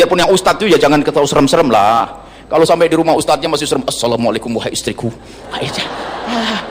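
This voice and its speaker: A man's voice: mid-range voice, slight background noise. A man preaching a sermon to an audience, teasing and humorous. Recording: long reverb of a large hall.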